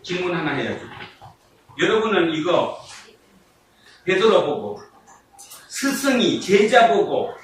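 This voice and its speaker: A male pastor preaching a sermon, firing rhetorical questions at the congregation, drawing key words out slowly and laughing and shouting for emphasis. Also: sits high, expressive. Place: church sanctuary. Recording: echoey hall, mic far off, noisy.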